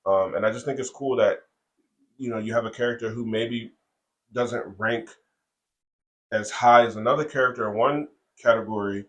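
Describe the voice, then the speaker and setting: A man co-hosting a casual podcast, talking in halting stretches with many fillers and restarts. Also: mid-range voice. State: has the hiccups. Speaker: comic creator and co-host.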